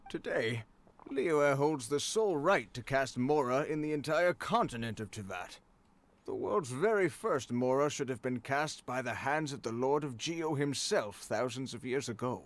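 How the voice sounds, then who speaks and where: An actor playing an assured scholar in a video game, lecturing on history in a formal, didactic way. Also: male voice, mid-range voice, expressive, a little slow, dry recording, close to an everyday voice.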